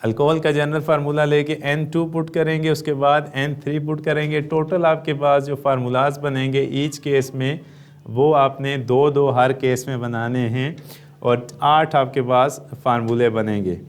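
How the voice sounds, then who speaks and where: Pakistani male teacher, smooth clear voice. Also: on the high side, level tone, unhurried. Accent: Pakistani Urdu. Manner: explains step by step, asking questions and answering them himself; often says "uh". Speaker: chemistry teacher. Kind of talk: classroom lecture.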